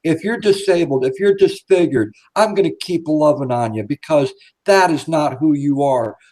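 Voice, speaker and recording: A man's voice: fairly high pitch, moderate pace, a little mellow. A man co-hosting a casual live stream, chatting as he talks out of the side of his mouth.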